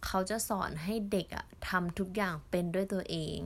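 A woman's voice: fairly low pitch, fairly even intonation. Chatty young Thai woman vlogging. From Thailand. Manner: chatty, with many fillers and drawn-out pauses. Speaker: au pair vlogger. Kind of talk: casual storytelling vlog.

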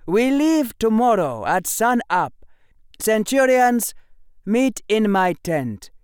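Male actor as a loud, stern military commander who barks orders in a raised voice. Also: high voice, sing-song, takes it slowly, clear, resonant tone, dry recording, clean studio sound, pitched above the performer's own voice, heavily acted.

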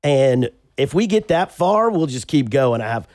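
A man with an American accent hosts a comedy podcast, running through the lineup and topics in a crude, joking way. His mid-range voice swings widely in pitch at a moderate pace, with a darkish tone. The recording is dry and studio-clean.

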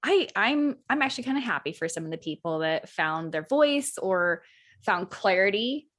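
A woman hosting a podcast interview. Her pitch rises and falls a lot as she talks, and she keeps it casual and conversational, leaning on fillers. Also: animated, moderate pace, a bit bright. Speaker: podcast host.

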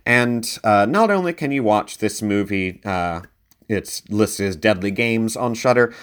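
A man's voice: fairly low pitch, lively intonation, a little slow, a bit bright, smooth. A man hosting a casual film review podcast, talking conversationally and leaning into his recommendations with emphasis. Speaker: podcast host.

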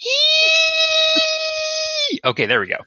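A man's voice: fairly low pitch, normal speed, creaky, pushed and bright, dull audio. Wry man who edits the show. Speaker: podcast editor and player.

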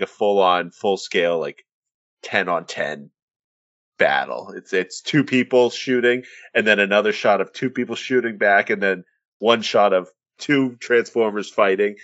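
A man's voice: on the low side, a bit bright, dull audio. A man talking casually about films as a podcast co-host.

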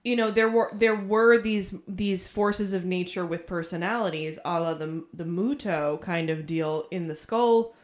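A young woman rambles through a casual movie chat, swearing freely and losing her train of thought. Her voice sits a little low for a woman. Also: steady tone, measured pace, few pauses. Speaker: podcast co-host.

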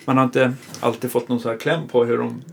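A man's voice: medium pitch, fairly even intonation, creaky, a little mellow, slight background noise. A male musician chatting casually, thoughtful and loose, full of fillers as he reflects. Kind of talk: casual interview chat.

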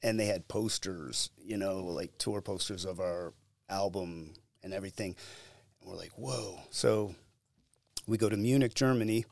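A middle-aged man tells stories in a gravelly voice that sits low. The sound is dry and close. He is animated and acts out the lines he quotes. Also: normal speed, no echo. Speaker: musician guest. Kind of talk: casual storytelling interview.

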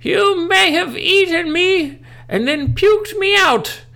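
A man voicing a fierce ghostly grandmother with a shrill, quavering, whispery voice. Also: slow pace, creaky, bright, forceful tone, heavily acted. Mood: furious.

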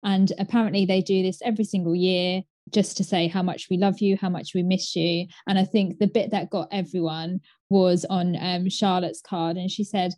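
A woman chats on a podcast in an easy, filler-heavy way. Her tone is mellow and warm rather than bright, and the recording is dry and close. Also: fairly low pitch, flat delivery, normal speed, hardly any pauses, dry recording. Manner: chatty, frequent "like" and "um". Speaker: podcast co-host. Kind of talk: casual chat.

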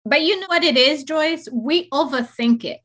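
A woman in her forties from Uganda, chatting as a podcast guest in an animated, emphatic way. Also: high-pitched, normal speed. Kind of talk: casual chat.

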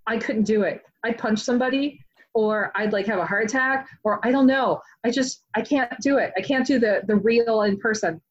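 Chatty, animated woman author in interview. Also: fairly high pitch, normal speed, dull audio. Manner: chatty and animated, many "like" fillers. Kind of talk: casual interview chat.

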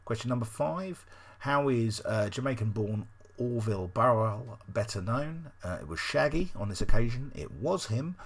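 A man's voice: mid-range voice, animated, normal speed, gravelly. A man hosting a casual podcast quiz special, reading out answers in a loose, sweary and sardonic way with plenty of fillers. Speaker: podcast host.

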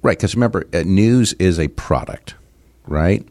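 A middle-aged man, a financial advisor hosting a podcast, explaining in a halting way with many fillers. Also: low-pitched, animated, a little mellow, no room sound. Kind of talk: casual podcast chat.

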